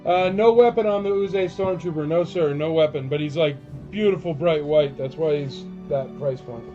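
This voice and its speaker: A man's voice: fairly high pitch, moderate pace, warm tone, highs cut off, faint music behind. A man working as an auctioneer on a live sale, talking in informal patter with emphatic calls. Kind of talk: auctioneer running a casual live collectibles sale.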